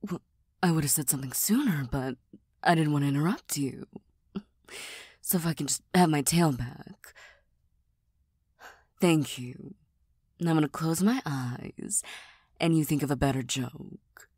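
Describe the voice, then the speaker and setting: A woman playing a tired, serious young cat girl who doubts herself, in a soft, breathy ASMR role-play with a deadpan, gently teasing manner. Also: deep voice, measured pace, long pauses, no echo, studio quality, heavily acted. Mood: dry, doubting.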